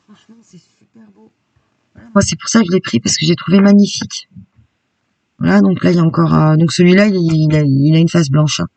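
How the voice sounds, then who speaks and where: A woman's voice: on the low side, fairly even intonation, fast, creaky, a little mellow, dry recording, distant mic. A woman YouTuber chatting enthusiastically through a casual shopping haul vlog. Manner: chatty and enthusiastic, peppered with "hein". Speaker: craft YouTuber.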